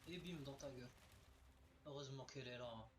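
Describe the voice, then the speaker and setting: A man giving excited gameplay commentary as a let's player, exclaiming and swearing at enemies, recorded on a webcam's built-in microphone. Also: medium pitch, a little fast. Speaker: let's play gamer.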